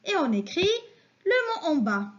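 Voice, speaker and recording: Woman teacher, high lively voice, slow patient kindergarten phonics lesson, slightly dull lo-fi recording. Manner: slow, patient, questioning children and praising them.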